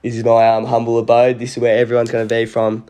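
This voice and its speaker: A man's voice: mid-range voice, monotone, fast talker, dark tone. A young man with an Australian accent hosting a podcast in casual chat, with blokey, laid-back, slangy banter. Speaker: podcast host. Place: at home, phone on a table. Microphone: phone lying on table.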